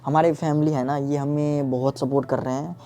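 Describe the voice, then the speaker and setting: A man's voice: fairly high pitch, flat delivery, fairly quick, dark tone. A young man vlogging in casual chat, pleading and consoling, often repeating himself. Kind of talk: casual prank vlog chat.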